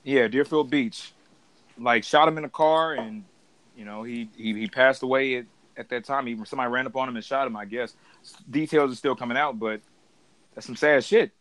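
A man's voice: mid-range voice, moderate pace, a bit bright, no echo. A man hosting a casual podcast with friends, loose, profane and a little drunk, laughing often. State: tipsy. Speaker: podcast host.

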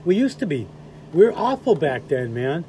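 A man's voice: a little high, big pitch swings, normal speed, warm tone, slight background noise, poor audio. A middle-aged man chatting earnestly on a podcast with his son, telling stories in a casual way. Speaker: host's father, co-host. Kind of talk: casual chat.

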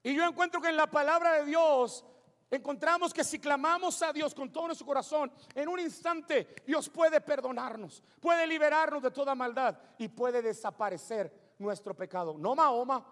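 Male preacher with a very high voice, shouting then going quiet, big echoey church. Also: moderate pace. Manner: preaching with shouted climaxes and hushed asides. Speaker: pastor. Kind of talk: sermon. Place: church sanctuary with congregation.

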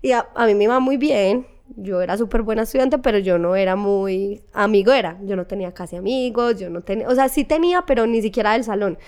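A woman's voice: medium pitch, fast, few pauses. A young woman with a Medellín accent, a guest in a casual interview, telling stories animatedly and acting out what people said. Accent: Colombian, Medellín. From Colombia. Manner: animated, acts out quoted voices. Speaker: guest, assistant director.

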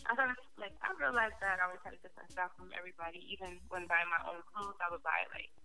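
A young woman from New Jersey calls in to a podcast over a phone line. Her voice is bright and clear, and she chats in an easygoing way, full of fillers. Faint music plays behind her. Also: fairly low pitch, steady tone, fast talker. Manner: easygoing, chatty, lots of fillers. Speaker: guest caller, clothing designer. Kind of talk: casual phone interview. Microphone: earbuds over phone line.

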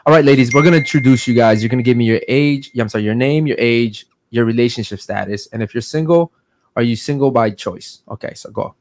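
Speaking quickly in a medium-pitched, somewhat dark voice, this podcast host comes across as brash and casual. He swears freely and keeps tacking "man" and "guys" onto what he says.

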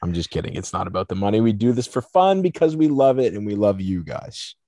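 A man with a low, gravelly, hoarse voice, hosting a casual podcast in a playful, slangy way. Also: big pitch swings, brisk, mellow, no echo, studio quality. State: hoarse after cheering at a game. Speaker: podcast host.

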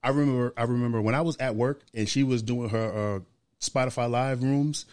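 A young man co-hosting a casual podcast, telling stories in a lively, slangy way. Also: medium pitch, brisk, smooth, no room sound, studio quality. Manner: animated storyteller, slangy and laughing. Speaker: podcast co-host.

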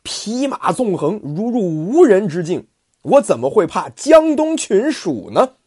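A man voicing a proud, fearless bearded warrior general in an oral storytelling of a classic tale, declaiming slowly and haughtily in a raised voice. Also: high-pitched, very animated, mellow, husky, no echo, studio quality, voice pushed up, full character voice. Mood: proud, defiant.

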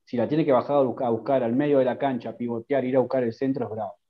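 A man with a Uruguayan accent, discussing football in a measured way on a casual podcast. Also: medium pitch, steady tone, highs cut off. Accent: Uruguayan Spanish. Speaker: podcast panelist. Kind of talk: football analysis chat.

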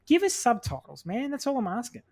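A man co-hosting a podcast, talking in a casual review chat, animated and opinionated, acting out quotes as he argues. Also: very high voice, brisk, creaky. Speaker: podcast co-host.

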